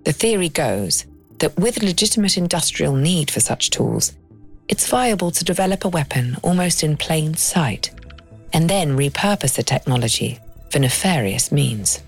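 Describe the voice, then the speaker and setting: A woman reading scripted documentary narration as the host, in a measured, explanatory way. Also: deep voice, big pitch swings, husky. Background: music.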